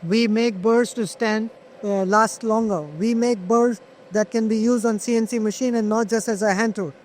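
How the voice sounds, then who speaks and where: Man, high-pitched, halting conversational explainer, interviewed manufacturer, noticeable ambient noise. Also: steady tone. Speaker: manufacturer representative being interviewed. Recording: clear ambient noise on location.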